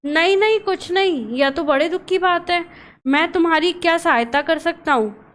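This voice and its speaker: A woman's voice: very high voice, moderate pace, a bit bright, pitched above the performer's own voice. A woman voicing a clever, wary male jackal who pretends to grieve, reading a storybook play aloud. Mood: sly.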